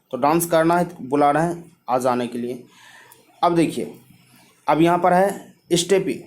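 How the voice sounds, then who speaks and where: A man's voice: a little high, darkish tone. Man teaching by quiz. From Bihar, India. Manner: repetitive, quizzing himself with questions and answers. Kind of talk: mnemonic geography lesson.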